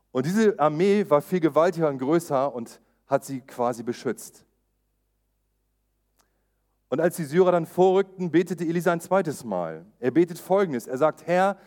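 A man preaching, retelling a Bible story in a lively way and acting out the quotes. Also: medium pitch.

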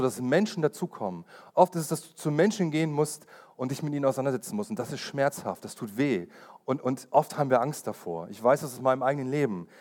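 A man's voice: medium pitch, a little mellow. A man giving an earnest sermon as pastor, repeating key phrases for emphasis and sharing personal testimony with urgency.

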